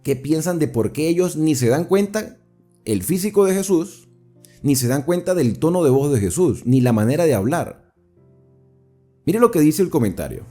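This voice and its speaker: A man's voice: a little high, sing-song, moderate pace, dark tone, faint music behind. A man teaching a livestreamed Bible study in a conversational way, explaining verse by verse and putting questions to his audience.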